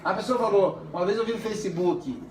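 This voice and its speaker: A man teaches a psychoanalysis class in a casual, conversational way, drawing out words for emphasis. His voice sits high. He is heard from a distance in a roomy classroom with faint noise behind. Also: brisk. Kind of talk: classroom lecture.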